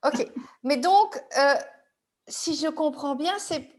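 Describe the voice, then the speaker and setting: A woman with a notably high voice leads an EFT tapping therapy session at a slow pace. She calmly and patiently asks one question after another, drawing out her client's fears.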